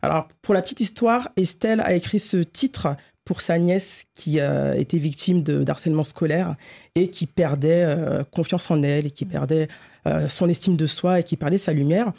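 A woman co-hosting a casual chat podcast, presenting her pick in a measured way. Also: deep voice, gravelly, warm tone. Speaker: podcast co-host.

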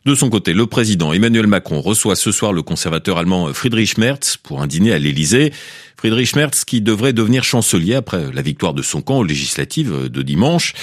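A man reading the evening news as a radio anchor, with a measured, steady delivery. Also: on the low side, dry recording, clean studio sound.

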